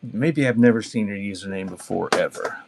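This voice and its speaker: Selling on a live stream, a man with a lowish voice reads cassette titles at a moderate pace, chatting casually in a rambling, teasing way. Clicks and clear background noise run through the recording.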